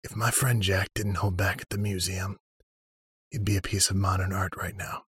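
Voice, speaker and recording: A man's voice: sits low, level tone, normal speed, a bit bright, slightly rough, no room sound, full character voice. A man voicing a cocky young man who mocks a far stronger opponent with sarcastic taunts. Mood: taunting. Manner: mocking, sarcastic, defiant. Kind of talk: audiobook character reading.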